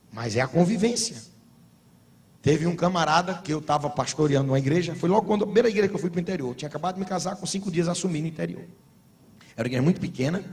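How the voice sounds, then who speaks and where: A middle-aged Brazilian pastor preaching a sermon to couples, telling humorous stories and building to emphatic exhortation. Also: male voice, a little high. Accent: Brazilian Portuguese.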